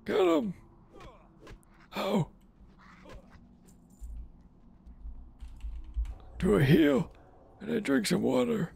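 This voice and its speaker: A man voicing a crude, combative old madman adventurer in a gravelly, raspy voice, muttering and rambling in a game role-play. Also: sits high, big pitch swings, takes it slowly, a little mellow, heavily acted. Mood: gruff, eager.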